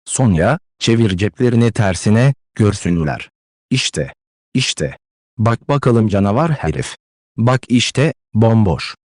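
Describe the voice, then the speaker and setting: A man's voice: on the low side, expressive, takes it slowly, darkish tone, no room sound. A man voicing a distraught, consumptive widowed mother who pleads and scolds with emotional declamation, in a dry close-miked audiobook read. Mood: furious.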